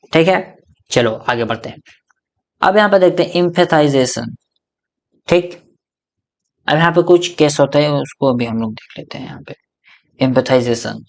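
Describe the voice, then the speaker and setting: A man's voice: a little high, a little mellow. A young man giving a classroom grammar lecture as a teacher, mixing in English words and repeating each key point as a question he then answers himself. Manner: mixes English words into explanations.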